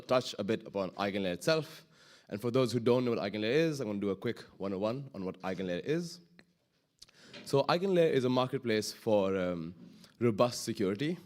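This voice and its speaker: A man's voice: fairly low pitch, darkish tone. A man presenting a technical talk at a conference, explaining informally and often correcting himself. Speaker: conference speaker, head of innovation. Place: live talk before an audience.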